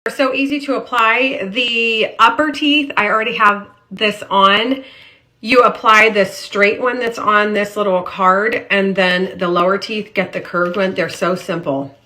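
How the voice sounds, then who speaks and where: A woman talks in the loose, informal way of a lifestyle vlogger. Her voice is bright and forward, sitting at a medium pitch for a woman. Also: fairly even intonation, a little slow. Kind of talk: casual vlog chat.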